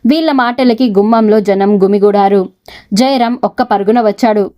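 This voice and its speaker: A woman storyteller giving scripted narration of a serial audio story in a steady, expressive reading. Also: mid-range voice, moderate pace.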